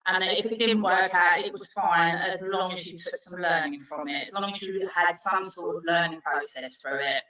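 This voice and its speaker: Woman driving instructor, bright tense voice, hesitant with lots of ums; lo-fi distant echoey audio. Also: lowish voice. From Wales. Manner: hesitant, many ums and restarts. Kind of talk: interview answers on a video call.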